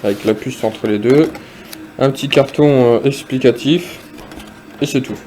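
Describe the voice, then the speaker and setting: A man casually demonstrating and reviewing a piece of gear, speaking hesitantly with frequent pauses and fillers. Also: medium pitch, warm tone, a little hiss or hum. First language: French. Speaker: product reviewer.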